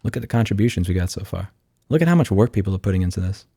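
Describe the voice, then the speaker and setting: Deep, gravelly and dark with a breathy edge, this man talks very fast with lively intonation. A YouTube host and consumer rights advocate, he gives a blunt, sardonic, unscripted vlog monologue walking through his screen, recorded dry in studio quality.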